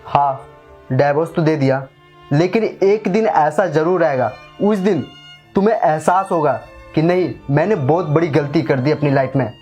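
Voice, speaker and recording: A man's voice: on the high side, normal speed, a little mellow, slightly rough, muffled recording, soft background music. A man acting a poor, wronged husband who leaves with a solemn moral warning, in a dramatic short film. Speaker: actor playing Chandan, a divorced husband.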